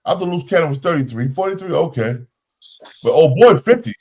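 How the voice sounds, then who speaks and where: A man's voice: on the high side, lively intonation, fairly quick, a little mellow, husky. Laid-back man in his forties. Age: 40s. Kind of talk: casual chat.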